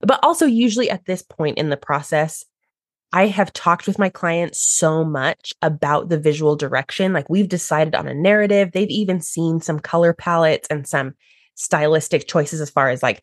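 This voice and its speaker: A woman's voice: normal speed, dry recording, studio quality. A woman hosting a podcast as a brand strategist and designer, explaining her process with enthusiasm and acting out her clients' reactions. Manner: enthusiastic, explanatory, acts out clients in high voices. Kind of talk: podcast conversation.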